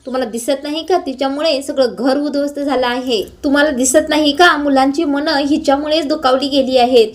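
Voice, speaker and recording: A woman voicing a bitter, vengeful grown daughter with a high voice. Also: fairly even intonation, brisk, hardly any pauses, close to an everyday voice. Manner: bitter, accusing.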